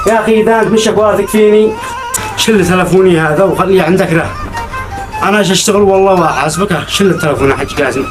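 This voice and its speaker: A man's voice: sits high, fast talker, lightly acted. A young actor with a Yemeni accent playing a poor man who swears oaths as he pleads over the money he owes. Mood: pleading. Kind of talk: web drama acting. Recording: loud music under the dialogue.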